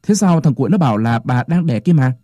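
A man's voice: medium pitch, animated, quick pace, warm tone, dry recording, highs cut off, close to an everyday voice. A man voicing a flustered village husband, a farmer who exclaims in alarm in a folk-tale telling. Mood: puzzled.

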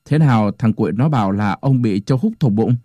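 A man voicing a quick-tongued village wife who wails and laments in a folk-tale telling. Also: lowish voice, expressive, warm tone, dry recording, muffled recording. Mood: puzzled. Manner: wailing lament.

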